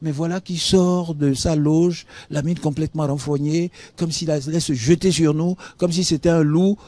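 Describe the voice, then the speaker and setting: A man's voice: fairly high pitch, fairly even intonation, moderate pace, mellow, no echo. Didactic man from Benin, dry studio sound. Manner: didactic, spells out words, asks "hein?". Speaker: guest expert on public speaking. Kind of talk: studio talk show explanation. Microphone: studio mic.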